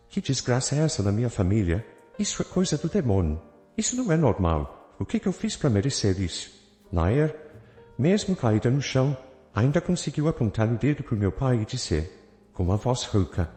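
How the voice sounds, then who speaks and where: A man's voice: medium pitch, mellow. A man narrating a dramatic first-person family story, emotive and theatrical in delivery. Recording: echoey reverberant room with faint music.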